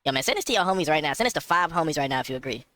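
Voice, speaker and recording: A man's voice: a little high, lively intonation, racing, pushed and bright, no room sound. A man delivering a mock-serious comedy monologue, insisting on absurd claims. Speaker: skit comedian.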